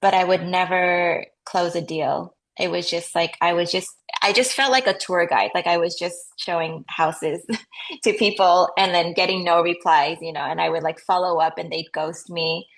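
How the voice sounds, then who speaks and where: A woman's voice: fairly low pitch, fairly even intonation, moderate pace, creaky. A woman in her thirties, raised in the US, chatting casually as a guest about her work as a real estate agent, with frequent "like" and light laughs. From United States. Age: 30s. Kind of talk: casual interview answers.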